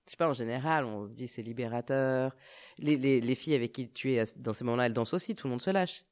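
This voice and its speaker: A woman's voice: a bass voice, fast talker, a little mellow. A woman hosting a casual radio chat, asking her guests many encouraging questions. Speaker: radio host.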